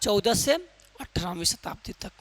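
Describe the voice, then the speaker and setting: A man's voice: high-pitched, sing-song, measured pace, a bit bright. A man from Uttar Pradesh teaching an English lesson. He drills pronunciation with repeated questions and calls his listeners brother. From Uttar Pradesh, India. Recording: long hall reverb.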